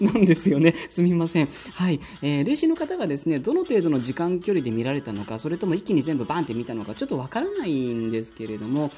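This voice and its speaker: Woman, low mellow voice with lively intonation, courteous customer-service delivery for a fortune-telling show, music behind. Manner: explanatory, formal and courteous. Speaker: fortune-teller host of an audio show. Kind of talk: spoken past-life reading for a listener.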